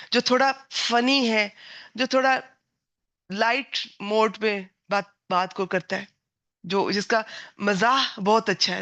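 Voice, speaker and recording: Woman, religious lecturer, earnest, advising, mid-pitched voice. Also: pushed and bright. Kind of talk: Islamic lecture to women.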